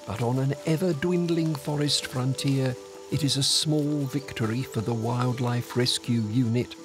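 Man narrating a nature documentary over music. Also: mid-range voice. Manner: measured storytelling, scripted. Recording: music under the voice. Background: background music.

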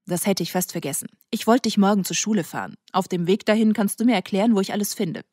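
A woman's voice: medium pitch, quick pace, a little mellow, no room sound, studio quality, lightly acted. A woman voicing a self-assured teenage boy who teases in an easygoing way, in an audiobook. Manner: easygoing, teasing. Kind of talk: audiobook character voice.

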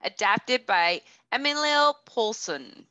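A woman teacher reading a storybook aloud to kindergartners in a gentle, expressive way. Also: fairly high pitch, slow, no echo, dull audio. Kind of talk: storybook read-aloud for children.

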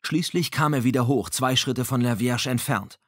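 A man reading an audiobook in a measured, dramatic storytelling manner on a close microphone. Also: medium pitch, a bit bright, no echo. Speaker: audiobook narrator. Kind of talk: scripted audiobook narration.

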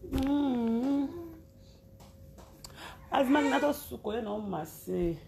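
Woman, slow and chatty, greets viewers by name on a live stream; echoey room. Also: fairly high pitch, expressive, vocal fry, background noise. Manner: chatty, calls out names one by one. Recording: roomy echo, faint background ambience.

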